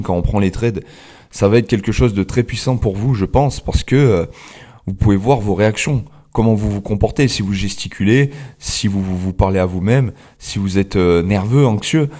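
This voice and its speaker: A man's voice: on the low side, mellow. A man hosting a trading channel, explaining his slides in a casual, hesitant way with many fillers and restarts, and candid personal asides.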